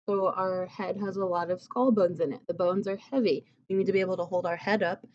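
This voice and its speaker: A woman's voice: lowish voice, fairly even intonation, brisk, a little mellow. A woman giving a recorded anatomy lecture, explaining casually with lots of "um" and "like". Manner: casual, chatty explaining with fillers like "um" and "like". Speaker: anatomy teacher. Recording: slightly dull lo-fi audio.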